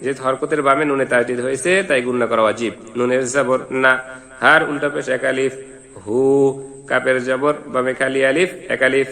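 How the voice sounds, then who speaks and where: A man's voice: medium pitch, little pitch movement, fairly quick, bright, forceful tone. A man teaching Quran reading, spelling out letters and vowel marks syllable by syllable before chanting each verse. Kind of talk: slow syllable-by-syllable recitation lesson. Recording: long hall reverb.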